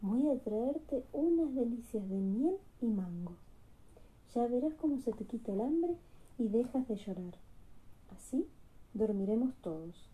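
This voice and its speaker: A woman's voice: fairly high pitch, lively intonation, measured pace, dark tone, poor audio. A woman doing a kindly soothing bear. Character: kindly big bear, gentle and reassuring.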